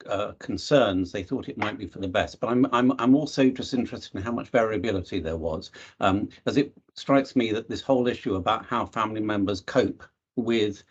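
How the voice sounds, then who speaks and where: A man's voice: lowish voice, muffled recording, slight background noise. A man from the audience asking a long, hesitant question over a video call. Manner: halting, hesitant phrasing.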